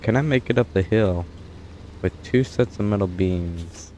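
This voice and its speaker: Young man, casual gameplay commentary, rambling, dry asides, low-pitched voice. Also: unhurried, warm tone, a little hiss or hum. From United States. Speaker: gameplay streamer. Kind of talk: casual let's-play commentary.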